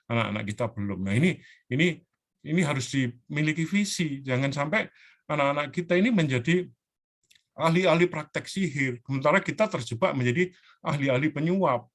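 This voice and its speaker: A man's voice: fairly high pitch, normal speed. Earnest man teaching parents in an online class. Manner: earnest, animated, acts out children's pleas. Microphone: video call.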